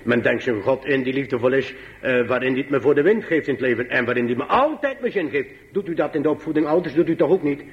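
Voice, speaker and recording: A man preaching to his congregation, slow and emphatic, swinging between high pleading passages and low quiet asides. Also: animated, highs cut off. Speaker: pastor. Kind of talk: sermon.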